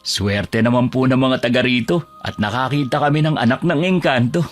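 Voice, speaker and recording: An actor playing a tired fish-vendor husband, respectful with customers and exasperated at home. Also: male voice, mid-range voice, normal speed, soft background music, close to an everyday voice. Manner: respectful with elders, exasperated with wife.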